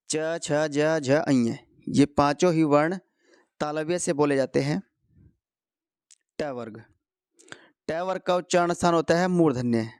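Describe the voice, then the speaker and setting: A man teaching Hindi grammar to exam students, going slowly, posing questions and answering them himself. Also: a little high, smooth, dry recording, studio quality. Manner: slow, repeats key answers, asks and answers his own questions. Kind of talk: explanatory lesson for competitive exam students.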